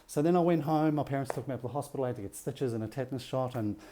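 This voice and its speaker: A man's voice: medium pitch, rapid-fire, mellow. A middle-aged man leading a relationship workshop, teaching a group and often checking in with rhetorical questions.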